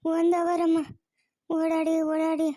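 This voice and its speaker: A woman's voice: very high-pitched, monotone, measured pace, mellow, no room sound. A woman voicing an exhausted, bitter old village mother who complains and pities herself in a cartoon story. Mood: weary, self-pitying. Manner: complaining, self-pitying. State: exhausted, sore-throated. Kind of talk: cartoon voice acting.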